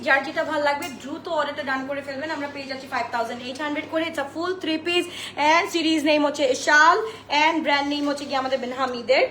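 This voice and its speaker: A high-pitched young woman hosts a live clothing sale, talking brightly to her viewers. She mixes English words into her patter and reads off sizes in a quick sing-song list. Her voice bounces around an echoey room with faint noise behind it. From Bangladesh. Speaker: online clothing seller. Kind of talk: live-stream sales pitch.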